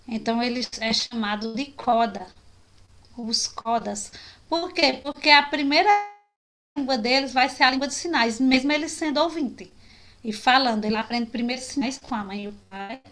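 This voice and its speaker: A sign language course instructor teaches an online class over a video call, her fairly high, slightly bright voice at normal speed. She explains patiently and often ends phrases with a questioning tag.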